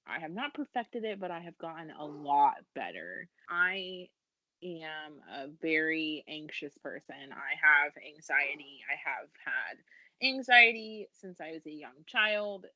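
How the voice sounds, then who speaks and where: Recorded without echo but sounding muffled, a deep-voiced American woman in her thirties speaks in an expressive, unhurried, pushed and bright way. She's a business founder in a casual, earnest podcast interview, self-deprecating and laughing while she talks.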